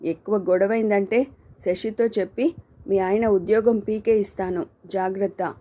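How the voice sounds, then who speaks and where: A woman's voice: medium pitch, steady tone, moderate pace, mellow, lightly acted. A woman voicing a cruel, arrogant young man who taunts and sneers, read as an audiobook character. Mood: sneering.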